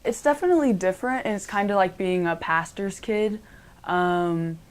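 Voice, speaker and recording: A woman's voice: on the low side, clean tone. A young woman from Cambodia, now a college student, giving casual interview answers with lots of "like" and "um". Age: young adult. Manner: chatty, many "like" and "um" fillers.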